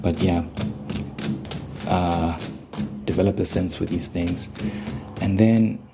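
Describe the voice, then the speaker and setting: A man's voice: deep voice, steady tone, takes it slowly. A man giving casual, opinionated relationship advice in a rambling monologue, repeating phrases for emphasis. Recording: clear background noise.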